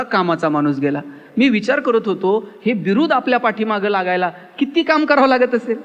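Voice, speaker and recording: Male motivational speaker, emphatic storyteller, high-pitched, heard through long hall reverb. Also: a bit bright, dull audio. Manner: emphatic, storytelling, acts out dialogue. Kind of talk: public lecture with acted anecdotes.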